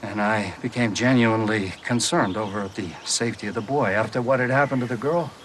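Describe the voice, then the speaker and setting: A man's voice: on the low side, a little fast, fairly bright tone, slight background noise, lightly acted. A man from the United States playing a genial, expansive antiques and manuscripts dealer who chuckles as he talks. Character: genial American male manuscripts dealer, jazz lover.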